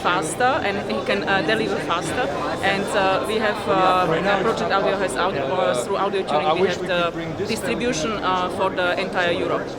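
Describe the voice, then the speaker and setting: A man who is a non-native English speaker, presenting as a company representative in a halting, hesitant way. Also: high-pitched. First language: not English. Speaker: company representative at a trade show. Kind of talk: unscripted product presentation. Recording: loud crowd in a public hall.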